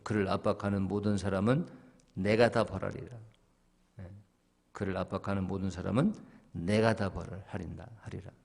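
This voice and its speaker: A middle-aged man, a senior pastor, preaching an early-morning devotional sermon, asking rhetorical questions and answering them himself, his voice swinging between loud and hushed. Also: fairly low pitch, creaky. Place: church sanctuary. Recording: long church reverb.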